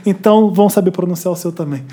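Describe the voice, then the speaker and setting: A man's voice: high-pitched, fast, warm tone. A man co-hosting a podcast, chatting casually and laughing often. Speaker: podcast co-host.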